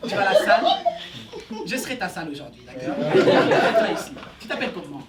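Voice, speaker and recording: Male comic doing a flamboyant bossy drama teacher, high lively voice, distant mic, loud crowd noise. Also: brisk, echoey room. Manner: bossy, teasing, barks sudden orders at the audience. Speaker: comedian in character. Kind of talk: stand-up character act. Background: audience laughter.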